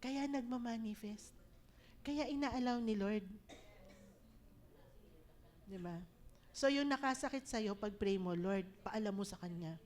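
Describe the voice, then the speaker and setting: A woman pastor with a Filipino accent, preaching an animated, laughing sermon that mixes English into her talk. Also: fairly high pitch, measured pace, long pauses.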